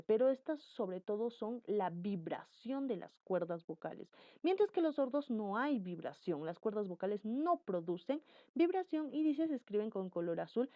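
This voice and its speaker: A woman's voice: mid-range voice, mellow, dry recording. Woman, teacher explaining consonant sounds, repeats each example word, dry muffled recording. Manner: repeats example words slowly, addresses viewer directly. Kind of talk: phonetics lesson.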